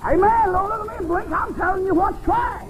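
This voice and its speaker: An older man, preaching a folksy storytelling sermon that swings from loud to soft. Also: very high-pitched, fairly quick, soft background music, low-quality recording. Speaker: pastor.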